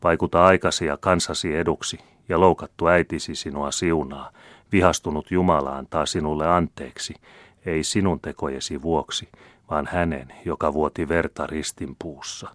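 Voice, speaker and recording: A man's voice: very deep voice, fairly even intonation, dry recording, clean studio sound. A man reading an audiobook, voicing a serious young nobleman who speaks earnestly. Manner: earnest, pleading.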